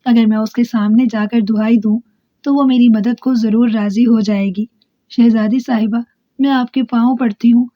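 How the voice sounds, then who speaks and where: A woman's voice: a little high, warm tone, dry recording, lightly acted. A woman voicing a male trickster disguised as an old woman, with a phlegmy, quavering voice that wheedles and sobs. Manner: wheedling, sobbing pleas. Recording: dull, dry close recording.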